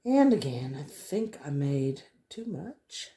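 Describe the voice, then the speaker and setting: A craft vlogger hosts a resin tutorial, her low, dark-toned voice moving slowly yet very animated. She chats casually with viewers while she works, thinking aloud as she goes.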